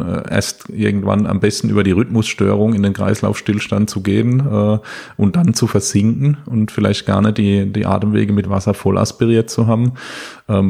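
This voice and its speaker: A man talking through medical findings in a casual expert discussion, halting with many fillers and restarts. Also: lowish voice, dark tone. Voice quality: husky, gravelly. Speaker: medical podcast co-host.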